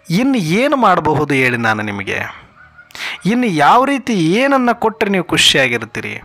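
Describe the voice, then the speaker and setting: A man's voice: fairly high pitch, huge pitch swings, normal speed, bright, forceful tone. A man giving an earnest devotional sermon, asking one rhetorical question after another and speaking in God's voice to his children. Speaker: spiritual speaker.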